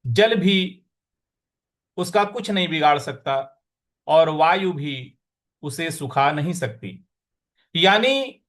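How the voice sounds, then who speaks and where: A man teaching a scripture lesson, reciting verses in a slow chanting tone and then explaining pronunciation and meaning. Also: sits high, a bit bright.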